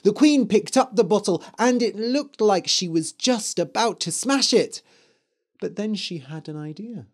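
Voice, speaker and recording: Man, storyteller, slow, deliberate, very lively intonation, clear reading for learners. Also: high-pitched. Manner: expressive, deliberate.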